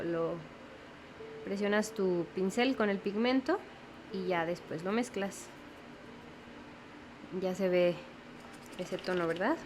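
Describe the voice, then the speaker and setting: Faint hiss sits under the recording as a young woman guides viewers through a watercolor piece step by step. Patient and slow in her explanations, she checks in frequently, her voice in the middle range for a woman.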